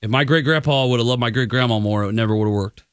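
A man's voice: medium pitch, fast talker, clean tone, dry recording, studio quality. Laughing male radio co-host. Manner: laughing, storytelling. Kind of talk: casual radio banter.

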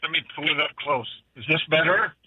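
A man's voice: a little high, brisk. A man calling in to a radio show from a speakerphone, his brief, polite replies hard to make out over the phone line. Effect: heard over a speakerphone phone line on the radio. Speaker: caller. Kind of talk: radio call-in. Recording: muffled tinny phone line with noise.

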